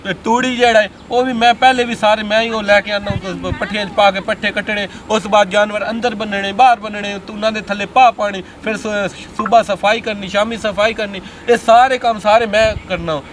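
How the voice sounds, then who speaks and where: A man's voice: high voice, fairly even intonation, fairly quick, hardly any pauses, a little hiss or hum. A man acting as a husband in a village web drama, ranting angrily and then pleading for forgiveness.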